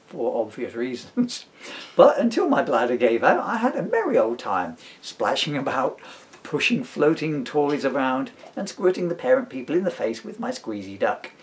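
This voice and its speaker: Recorded on a camera mic, a middle-aged British man, a father, author and stage performer, reads his own comic writing and chats casually, playfully rambling off on tangents. His medium-pitched voice takes big pitch swings at a normal speed.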